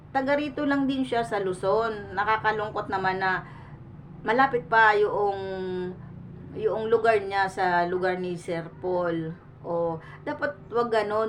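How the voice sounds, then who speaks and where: A woman talking casually to her viewers, earnest and pleading, restarting her sentences often and sweating in the heat. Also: medium pitch. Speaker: vlogger. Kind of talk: casual reaction commentary to the camera. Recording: distant mic with faint room noise.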